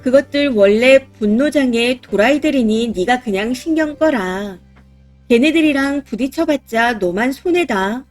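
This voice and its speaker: A woman's voice: high-pitched, expressive, a little slow, darkish tone, faint music behind. A woman voicing a blunt, dismissive older mother-in-law who talks in plain, matter-of-fact commands.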